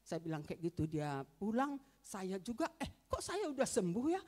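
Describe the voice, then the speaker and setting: A woman's voice: mid-range voice, big pitch swings, normal speed, darkish tone. A middle-aged woman giving a storytelling testimony in a church service, acting out both sides of remembered conversations and calling the listeners brothers and sisters.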